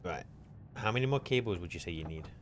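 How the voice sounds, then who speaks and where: Very deep-voiced man, dry teasing. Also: animated, fast talker, a little hiss or hum. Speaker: gaming channel host. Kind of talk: casual co-op gameplay chat.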